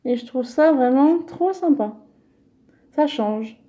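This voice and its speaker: A high, mellow-toned woman speaking slowly and gently. She chats casually through a show-and-tell of crafting mail and keeps filling her talk with small connecting words. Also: expressive. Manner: chatty, gentle, fills with "donc" and "voilà". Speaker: crafting vlogger.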